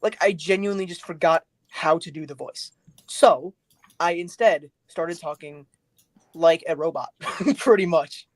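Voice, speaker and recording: A man chatting casually about voicing characters in a fan production, animated and full of restarts. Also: on the high side, a little slow, slight background noise. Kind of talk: casual group chat.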